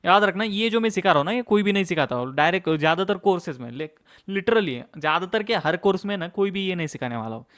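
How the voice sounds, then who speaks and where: A young man teaching a course over a screen share, talking fast in a casual way and checking in often with "okay". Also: high-pitched, lively intonation, a bit bright. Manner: fast-talking, mixes English terms into Hindi, frequent "okay, theek hai" check-ins. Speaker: course instructor.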